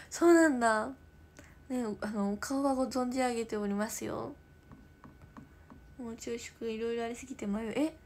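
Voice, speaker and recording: A teenage girl streaming live in her room, chatting casually, reading viewer comments aloud and drifting into soft whispers. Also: a little high, gravelly, slight background noise. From Japan. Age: teens. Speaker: idol livestreamer.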